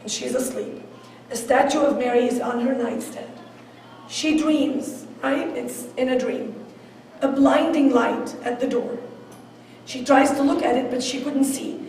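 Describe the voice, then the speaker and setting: Woman presenter, high voice, vivid storyteller, sounds far off in a really echoey hall. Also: a little slow, darkish tone. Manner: vivid storyteller who acts out quoted speech. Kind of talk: storytelling talk.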